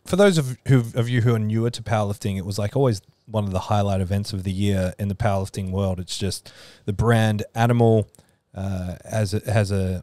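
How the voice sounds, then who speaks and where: A man hosting a podcast, explaining things in a relaxed way. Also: fairly low pitch, dry recording. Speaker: podcast host. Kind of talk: casual chat.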